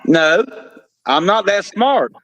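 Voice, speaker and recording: A man's voice: sits high, lively intonation, slow, a bit bright, rough recording. An older man on a video call, chatting casually and teasing the host. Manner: teasing and jokey. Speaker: guest on the call.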